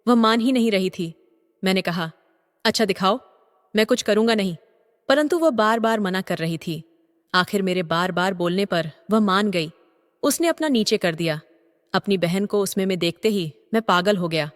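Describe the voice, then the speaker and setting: An older man narrating a story in a steady, even reading voice. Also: high-pitched, normal speed. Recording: long reverb.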